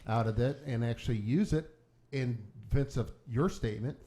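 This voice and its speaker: A man's voice: medium pitch, normal speed, mellow. A man co-hosting a radio talk show in casual, wry banter. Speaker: co-host. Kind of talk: casual studio chat.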